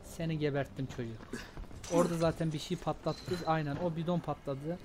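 A young man casually commenting on his own gameplay, talking slowly and breaking into loud shouts when fights start. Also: a little high, steady tone, noisy background. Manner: slow, drawn-out talk breaking into loud shouts during fights. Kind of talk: casual let's-play commentary.

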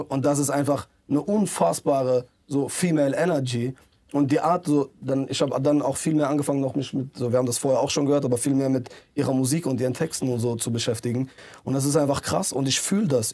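A man's voice: medium pitch, dark tone. A man in his thirties, a rapper guest in a casual studio interview, talking earnestly with many fillers and restarts. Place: music recording studio. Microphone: handheld mic held by interviewer.

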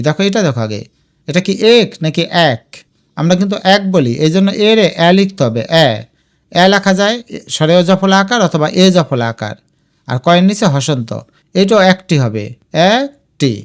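A man teaching a spelling and pronunciation lesson for exam students, drawing out each example word slowly. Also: high voice, animated. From Bangladesh. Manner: slow, drawn-out spelling of example words.

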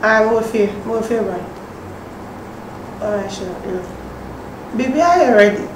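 A woman's voice: mid-range voice, lively intonation, unhurried, lightly acted. An actress playing a chatty woman with a Ghanaian accent, mixing Twi and English. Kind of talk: comedy drama acting. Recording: distant echoey room with noise.

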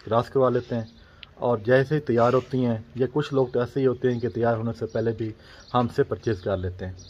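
A dairy farmer, explaining his heifer business in a steady, unscripted way with frequent hesitation sounds. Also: mid-range voice, a little hiss or hum. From Pakistan. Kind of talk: unscripted interview answers. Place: outdoors at a farm. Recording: slightly dull outdoor recording.

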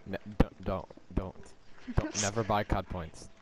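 A man's voice: low-pitched, fairly even intonation, measured pace, a crowd in the background. A man hosting a casual gaming chat with friends, rambling and joking, with many fillers and restarts. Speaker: channel host playing with friends. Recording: noisy recording.

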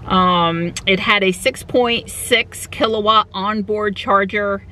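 A woman records a casual vlog from inside a parked car. Her voice is bright and forward at an ordinary female pitch. She explains things in a chatty, informal way. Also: fairly even intonation, slow, a little hiss or hum. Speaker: electric car vlogger. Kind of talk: casual vlog narration to camera.

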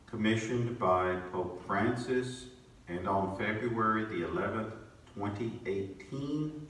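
Male priest, lowish voice, church service delivery; cathedral echo, picked up from far off. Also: a bit bright. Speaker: priest reading the Gospel and preaching. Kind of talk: solemn scripture reading and homily. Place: inside a church. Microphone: far camera across the pews. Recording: distant, echoey church hall with faint noise.

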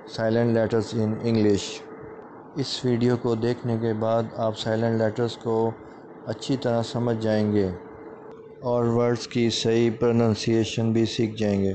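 Male English tutor, slow and deliberate, warm low-key tone, slightly dull lo-fi recording. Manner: repeats each word slowly and explains its meaning. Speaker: English teacher. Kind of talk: slow explanatory lesson.

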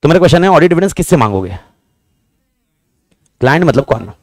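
Chatty guy lecturing a class, talks fast n repeats stuff, bouncy voice, dry close sound. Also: a little high, sing-song, no echo. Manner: fast-talking, repetitive, banters with students. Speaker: teacher.

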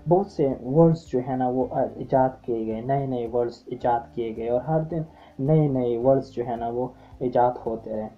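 A woman with an extremely low, dark voice delivers a lecture-style lesson as a teacher. She speaks hesitantly, filling gaps with drawn-out filler sounds and restarts. The recording is dull and lo-fi, with faint music underneath.

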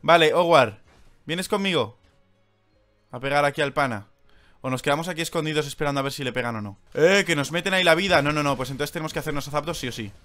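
A young man with a Spain Spanish accent, streaming live gameplay commentary, excitable, swinging from loud outbursts to low mutters. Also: quick pace, faint music behind.

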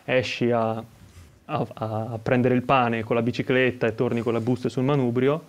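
A man's voice: mid-range voice, level tone, measured pace. Rambling young Italian man calling in. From Italy. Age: young adult. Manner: rambling, hesitant phrasing. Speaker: caller. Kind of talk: casual call-in chat.

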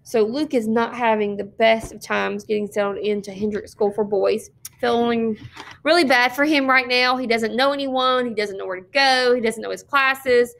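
A woman reads a children's novel aloud to her listeners as a teacher. Her voice sits a little high, and she narrates steadily and expressively, with an occasional slip or restart. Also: normal speed, gravelly, a bit bright. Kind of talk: read-aloud storytelling.

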